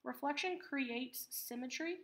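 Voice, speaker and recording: A woman teaching a math lesson, patiently explaining terms and repeating key words slowly for emphasis. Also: high-pitched, a bit bright.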